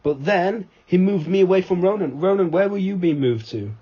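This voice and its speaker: A man's voice: sits high, normal speed, husky. A young man co-hosting a podcast, chatting casually with a sarcastic, ribbing manner. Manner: sarcastic, ribbing, laughs often. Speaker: podcast co-host. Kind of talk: casual chat. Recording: dull lo-fi podcast recording.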